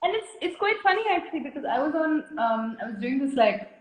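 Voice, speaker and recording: High, expressive, and fast, this Indian woman in her thirties is a guest artist in a casual interview over video call. She talks openly and at length from an echoey room, laughing frequently.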